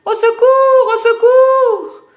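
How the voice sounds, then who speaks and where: A woman voicing a frightened, excitable little girl in a storybook reading, with shrill wailing cries. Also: normal speed, roomy sound. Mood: panicked.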